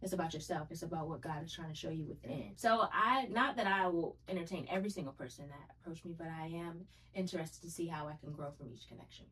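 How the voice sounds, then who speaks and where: A woman's voice: fairly low pitch, fast talker, hardly any pauses, fairly bright tone, far from the mic, rough recording. A woman guest telling her dating story in casual podcast chat, earnest and reflective.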